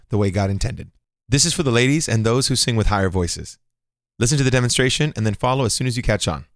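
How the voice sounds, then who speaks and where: A man's voice: mid-range voice, gravelly, no echo, studio quality. A man teaching a singing lesson, coaching listeners directly and encouraging them. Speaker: vocal coach. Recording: music playing behind.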